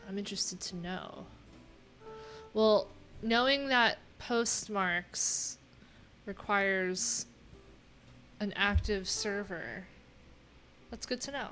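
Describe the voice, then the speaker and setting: Poor audio and soft background music frame a middle-aged woman who takes things slowly, leaving long pauses in her mid-range, somewhat bright voice. She's a web developer hosting a casual live coding stream in a small room at home, thinking aloud and reading from her screen with wry, offhand remarks.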